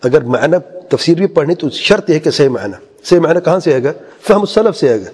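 A man's voice: a little high, lively intonation, darkish tone, husky. A man giving an earnest religious lecture as a preacher, posing rhetorical questions and quoting Arabic phrases. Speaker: Islamic preacher. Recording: long hall reverb.

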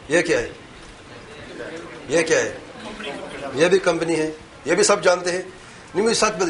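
A man's voice: fairly high pitch, a bit bright. A man giving an interactive religious talk, quizzing and teasing his audience. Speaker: Islamic lecturer. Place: lecture hall with a live audience. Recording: echoey hall with faint room noise.

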